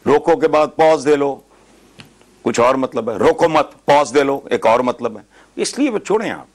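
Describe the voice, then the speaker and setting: A man's voice: mid-range voice, animated, moderate pace. A man, a political commentator arguing emphatically and slipping English phrases into his talk. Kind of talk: heated talk show debate.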